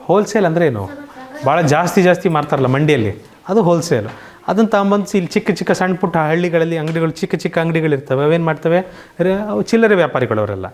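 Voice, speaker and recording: A woman's voice: low voice, expressive, fast talker, darkish tone. A woman teacher with a Kannada accent, drilling English word pairs in an online coaching class, asking questions and answering them herself.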